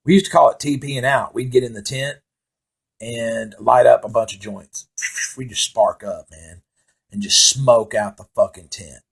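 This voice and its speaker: A man's voice: medium pitch, fairly even intonation, normal speed, creaky, slightly rough. A middle-aged man telling a rambling, heavily profane story from his youth, laughing at himself as he goes. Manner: rambling, heavy swearing, laughs at own story.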